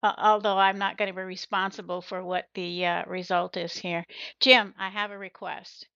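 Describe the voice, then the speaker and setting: Bright, playful woman host, dry sound. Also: medium pitch, level tone, normal speed, dry recording, highs cut off. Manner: playful, teasing. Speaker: interview host. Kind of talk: casual interview chat.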